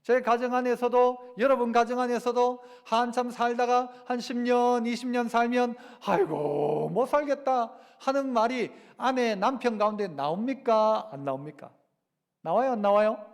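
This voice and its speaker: High-voiced pastor preaching in a reverberant hall. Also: male voice, moderate pace, clean tone. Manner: conversational preaching with rhetorical questions to the congregation; acts out quoted lines in a lively voice. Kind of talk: sermon. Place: church sanctuary.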